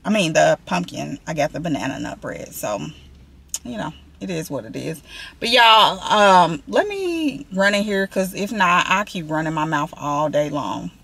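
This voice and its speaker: A woman's voice: lowish voice, gravelly, a bit bright, slightly rough. Chatty woman talking to camera in a car. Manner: chatty, rambling, addresses viewers as y'all. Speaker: vlogger. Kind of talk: casual vlog chat. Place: parked car, indoors. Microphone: camera on dashboard.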